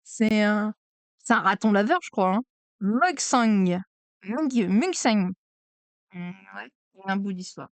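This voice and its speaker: A woman streaming a card opening, chatty and excitable, exclaiming over each card. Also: mid-range voice, normal speed, clear, resonant tone, no echo. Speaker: streamer opening trading cards. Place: at home desk.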